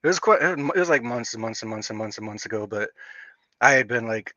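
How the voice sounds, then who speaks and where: Rambling excitable man streaming casually. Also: on the low side, a little fast, no echo. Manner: rambling, excitable, heavy use of "like". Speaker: livestream host. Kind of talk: casual livestream chat. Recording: dull lo-fi dry stream audio.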